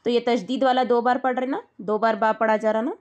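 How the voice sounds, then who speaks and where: A woman teaching Quran recitation rules, explaining slowly and patiently, repeating each point and checking that her student follows. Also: fairly high pitch, fairly even intonation, a little mellow.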